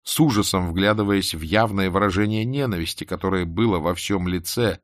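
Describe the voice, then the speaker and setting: A man reading a classic novel aloud as an audiobook narrator, in an even, measured manner. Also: low voice, no room sound, studio quality. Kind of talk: scripted literary narration.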